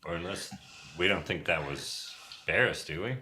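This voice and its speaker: A man's voice: deep voice, expressive, normal speed, bright, forceful tone. A man playing a tabletop game, talking casually in short, terse remarks. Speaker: game player. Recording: noisy room with clicks.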